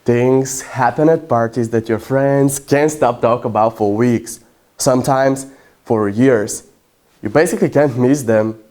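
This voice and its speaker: A young man whose first language is Bulgarian, playing a brash, self-mocking young womanizer in a competitive prose interpretation, with dramatic storytelling and sudden loud outbursts. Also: mid-range voice, unhurried, natural voice. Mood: wry, bemused.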